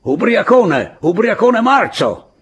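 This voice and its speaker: A man voicing a fierce, bossy middle-aged peasant woman in an audiobook, with a husky voice and a blunt, commanding manner. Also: on the low side, animated, moderate pace, darkish tone, a little hiss or hum, pitched above the performer's own voice, natural voice. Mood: fed up.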